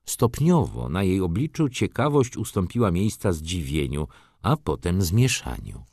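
Deep expressive male narrator. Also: unhurried, no room sound, clean studio sound. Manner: expressive, theatrical. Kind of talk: audiobook reading of classic prose.

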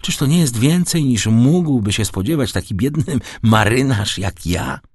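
A man's voice: mid-range voice, expressive, a little slow, husky, no echo, clean studio sound, pitched above the performer's own voice. A man voicing an eager young sailor son who speaks earnestly and urgently.

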